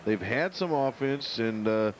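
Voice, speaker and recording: A man's voice: mid-range voice, animated, measured pace. Folksy male baseball analyst over ballpark noise. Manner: folksy, colloquial. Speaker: baseball color commentator. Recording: noisy outdoor ballpark broadcast.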